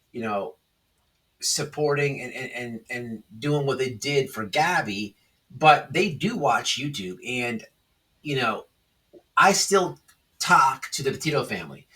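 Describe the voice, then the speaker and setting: A man hosts casual, off-the-cuff drama commentary, speaking emphatically, repeating himself and checking in with listeners through "okay?" and "right?". His medium-pitched voice is pushed and bright, and he sits far from the mic on a low-quality recording.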